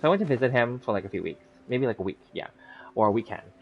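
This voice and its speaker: During a relaxed livestream chat, a gaming streamer in his thirties speaks quickly and animatedly in a mid-range voice. His story wanders, packed with fillers and false starts, and he laughs readily; the sound is dull and lo-fi.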